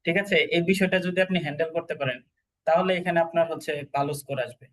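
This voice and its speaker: A male tutor teaches an online class over a video call. His voice sits a little high, and he walks students through each point, often asking if they follow. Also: rapid-fire, rough recording. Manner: explains step by step, checks understanding often. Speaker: PTE exam instructor.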